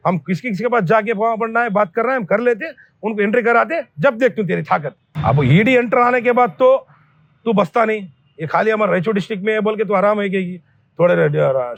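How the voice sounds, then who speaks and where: Male, high voice; blunt scolding public warning, repetitive; dull, dry recording. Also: no room sound. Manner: scolding, blunt, repeats threats. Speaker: local activist addressing a company owner. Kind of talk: angry public warning statement.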